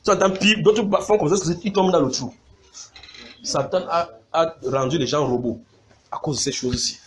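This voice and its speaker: A man preaching a sermon, animated, mimicking sounds and calling out to his congregation. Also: fairly high pitch, moderate pace, slight background noise.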